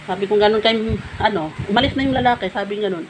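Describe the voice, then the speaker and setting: A woman's voice: medium pitch, fast. A woman vlogger casually telling a personal story to her viewers, chatty and full of fillers. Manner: chatty, addresses viewers as guys, many fillers like ano. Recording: noisy background.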